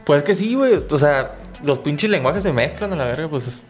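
A man's voice: a little high, fairly quick, faint music behind. A man with a Tijuana accent talking casually and slangily as a podcast co-host. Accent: northern Mexican, Tijuana. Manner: relaxed, slangy, asks questions. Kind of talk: casual chat.

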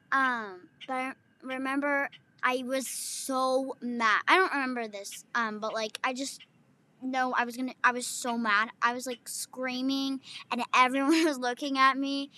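A young woman co-hosting a podcast, chatting casually with quick interjections. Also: high-pitched, bright, forceful tone, slight background noise. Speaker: podcast co-host. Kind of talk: casual chat.

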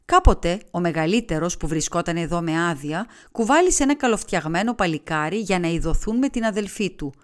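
A woman narrates a literary story in a somewhat low voice. Her reading is steady and unhurried, like a practiced audiobook reader telling a tale.

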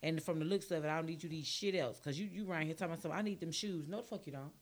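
A middle-aged woman telling stories in casual chat, animated and profane, with an exasperated ranting manner. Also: low voice, very fast.

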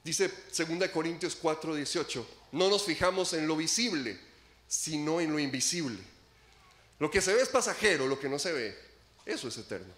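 Bright-voiced, high-pitched preaching pastor. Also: male voice, expressive, normal speed, roomy sound. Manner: dramatic preaching, acts out quoted laments, sweeping pitch and volume swings. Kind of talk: sermon.

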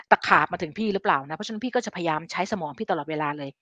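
A woman's voice: lowish voice, racing, pushed and bright, dry recording. A middle-aged woman hosting a casual live stream, chatting with viewers like an older sister about health habits and dropping English science terms into her talk. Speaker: live-stream host giving health advice. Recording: dry, slightly dull live-stream audio.

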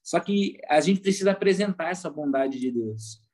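A fairly high-pitched man talks in a relaxed, earnest way on a podcast. He is a pastor explaining his ideas with vivid everyday examples, speaking with a Brazilian Portuguese accent. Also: normal speed. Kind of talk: casual podcast conversation.

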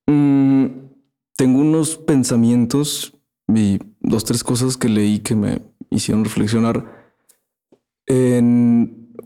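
A man with a Mexican accent talks on his own in a loose, unscripted monologue, full of crude street slang. His voice sits at a middle pitch with a dark, mellow tone. He wanders between thoughts, trails off and starts sentences over. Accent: Mexican Spanish. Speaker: podcast host. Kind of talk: casual monologue.

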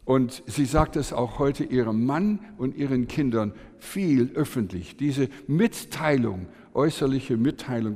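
Older man, sermon, animated storytelling, hesitant with fillers, mid-pitched voice, long hall reverb. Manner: animated storytelling with lively swings in pitch and loudness; hesitant, with frequent fillers and restarts. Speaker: preacher.

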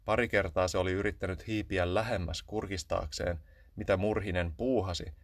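Low-voiced man reading a storybook. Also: steady tone, no echo. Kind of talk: scripted storybook narration.

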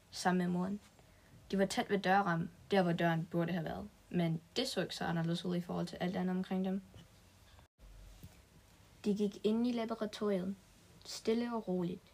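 A woman's voice: medium pitch, a little mellow. A woman reading a story aloud in a plain manner, with small restarts now and then.

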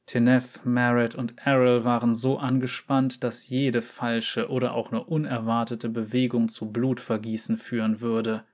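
A man narrating a short story as an audiobook, steady and even. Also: medium pitch, unhurried, few pauses. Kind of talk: audiobook reading.

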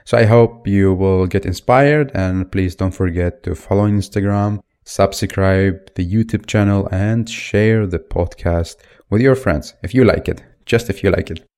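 Hosting a podcast alone, a man from Iraq in his twenties speaks unscripted, working through his thoughts with fillers and restarts. His voice sits low with a darkish tone, and he keeps a measured pace with few pauses.

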